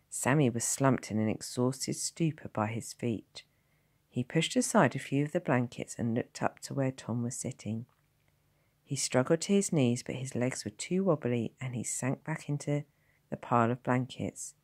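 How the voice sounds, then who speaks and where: A woman's voice: very deep voice, a little mellow. A woman teacher reading a novel aloud, narrating expressively and voicing each character. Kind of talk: storybook narration.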